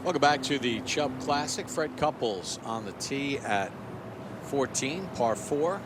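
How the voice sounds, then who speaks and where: A man anchoring a live golf broadcast with a polished, measured announcer delivery. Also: mid-range voice, expressive, background noise. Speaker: lead broadcast host.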